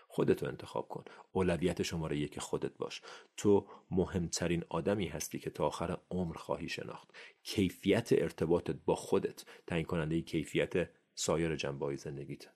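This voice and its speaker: A man's voice: low voice, a little mellow. A man hosting a motivational podcast, speaking earnestly and directly to the listener, pushing harder on his key phrases. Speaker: podcast host.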